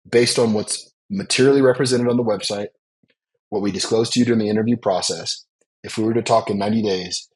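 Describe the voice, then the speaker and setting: A man's voice: on the low side, husky, low-quality recording. A man speaking as a business leader guest on a podcast interview, earnest and reflective, stressing his points.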